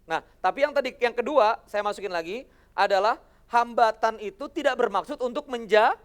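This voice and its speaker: A motivational religious speaker, giving an animated talk on television, firing rhetorical questions and acting out quoted voices. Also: mid-range voice, fairly quick. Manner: addresses the audience as friends.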